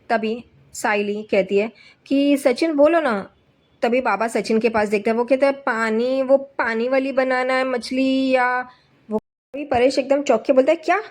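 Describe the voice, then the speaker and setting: A woman's voice: fairly high pitch, darkish tone. A woman narrating a casual recap of a TV serial episode, retelling scenes and quoting the characters' lines in a plain voice.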